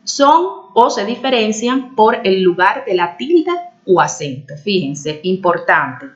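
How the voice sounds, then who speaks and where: Woman teacher explaining a lesson. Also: medium pitch. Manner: explanatory, often checks in with "¿correcto?" and "¿verdad?"; stretches out key words when stressing them. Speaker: primary school teacher. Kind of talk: recorded video lesson. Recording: slightly dull lo-fi audio.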